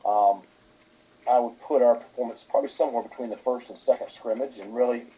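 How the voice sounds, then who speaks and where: A man, a football head coach, answering questions at a press conference in a halting way, with many fillers. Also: mid-range voice, fairly even intonation, mellow, breathy edge, low-quality recording.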